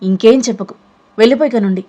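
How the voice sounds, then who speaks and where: A woman voicing a hard-hearted middle-aged mother who scolds and shouts in an audio novel reading. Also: medium pitch, fairly even intonation, quick pace, natural voice. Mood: shouting. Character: cruel harsh stepmother, middle-aged, hateful.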